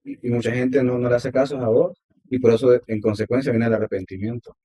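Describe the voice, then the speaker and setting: A man, hosting a podcast interview with steady agreeing replies. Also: mid-range voice, a little fast, husky, low-quality recording. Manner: affirming, frequent "ujú" backchannel. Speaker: podcast host. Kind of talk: casual interview talk.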